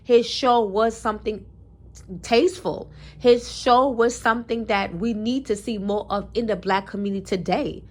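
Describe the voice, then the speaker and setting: A commentary vlogger, a woman with a fairly high, slightly mellow voice, delivers a preachy, emphatic monologue of her opinions at a moderate pace with fairly even intonation. She talks colloquially, repeats phrases for emphasis and cites scripture.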